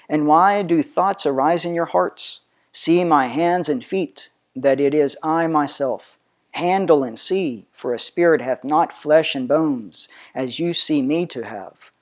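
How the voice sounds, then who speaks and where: A man reading scripture aloud in a solemn, measured way, declaiming it with emphasis. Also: a little high. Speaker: reader of scripture.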